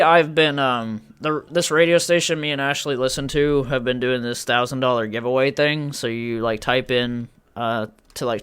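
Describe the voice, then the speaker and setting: A man's voice: mid-range voice, fairly bright tone, clean tone. A young man co-hosting a podcast, telling a story in rambling casual chat with lots of restarts. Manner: rambling, full of fillers and restarts. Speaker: podcast co-host.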